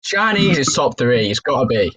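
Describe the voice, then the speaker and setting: A man's voice: medium pitch, sing-song, normal speed, fairly bright tone, poor audio. A young man, co-hosting a podcast in casual banter with friends, swearing and laughing as he rambles. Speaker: podcast co-host.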